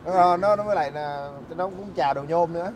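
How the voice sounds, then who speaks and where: A man's voice: sits high, a little fast, over a noisy crowd. A man hosting a casual interview, attentive and agreeable, often murmuring assent. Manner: attentive, agreeable, frequent backchannel. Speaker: host.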